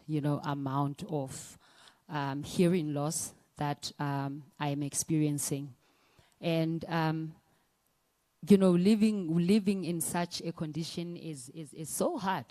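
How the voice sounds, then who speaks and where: A woman's voice: low-pitched, mellow. A woman, a singer giving a personal testimony talk at a conference, hesitant, with many fillers and restarts. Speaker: singer and performer sharing her story.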